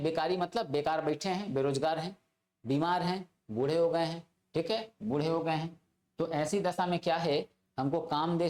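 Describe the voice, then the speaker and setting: This polity teacher has a fairly high-pitched, darkish voice. Lecturing exam students in a classroom, he repeats key phrases and checks in with his listeners again and again.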